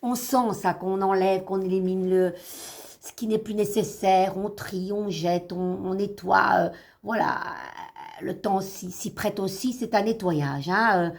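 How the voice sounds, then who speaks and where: A woman's voice: mid-range voice, steady tone, measured pace. A woman with a slight lisp doing a casual tarot reading for her followers, chatty and encouraging, repeating phrases for emphasis. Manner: lisps, tripping over words when pleased. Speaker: online tarot card reader and host. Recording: music playing behind the voice. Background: instrumental music.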